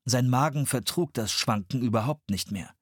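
A man narrating a children's adventure audiobook in an expressive storytelling manner, recorded on a close studio mic. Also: mid-range voice, moderate pace, breathy edge, no echo.

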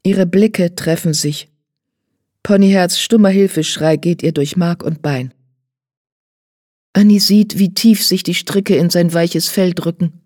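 A woman narrating a children's audiobook in a clear storytelling manner. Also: on the low side, unhurried, a little mellow, dry recording, clean studio sound.

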